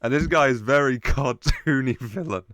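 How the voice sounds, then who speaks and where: A man's voice: mid-range voice, moderate pace, a bit bright, dry recording. A man giving casual, jokey reaction commentary as a show host. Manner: jokey, chuckles often while talking.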